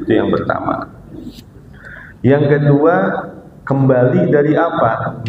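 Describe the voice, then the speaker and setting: Slow, echoing Indonesian preacher. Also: male voice. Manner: slow repetitive teaching, chanted Arabic phrases then Indonesian explanation. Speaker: preacher teaching Quranic commentary. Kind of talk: sermon. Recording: echoey hall, muffled lo-fi sound with faint rumble.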